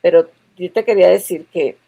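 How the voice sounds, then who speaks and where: A woman hosting a live-streamed interview, chatting casually, passing on news and pausing with fillers. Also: on the low side, gravelly, mellow, husky. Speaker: interview host.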